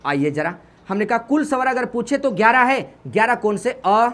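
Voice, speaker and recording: A man's voice: very high-pitched, very animated, normal speed, fairly bright tone. A man with an Uttarakhand Hindi accent teaching Hindi grammar for exams, repeating points and asking questions he answers himself. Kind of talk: exam-prep lesson.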